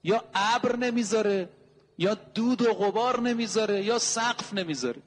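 A man preaching a sermon, driving his points home with rhetorical questions and repeated, emphatic lists. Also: high voice. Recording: long hall reverb.

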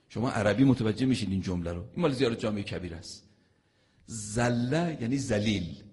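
A man preaching a religious sermon, telling stories with loud emphatic lines and soft, intimate ones. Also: on the low side.

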